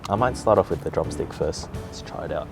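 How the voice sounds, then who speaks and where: Deep-voiced man eating fried chicken on camera. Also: animated, a little fast, gravelly, over music. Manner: eating crunchy fried chicken while talking, appreciative mms; laid-back, often ends phrases with "man". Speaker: food vlogger, host. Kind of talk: casual food review vlog.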